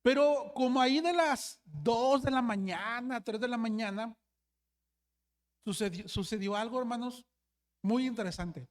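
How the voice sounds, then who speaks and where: A man's voice: very high voice, measured pace. Storytelling man preaching a sermon. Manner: storytelling, often says hermanos, frequent restarts. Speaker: pastor.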